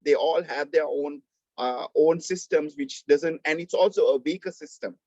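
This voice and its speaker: A fairly high-pitched male lecturer with a Sri Lankan accent teaches an online class. He explains emphatically but haltingly, often repeating phrases. The sound is slightly dull, as on a video call. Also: dark tone, no room sound. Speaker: university lecturer.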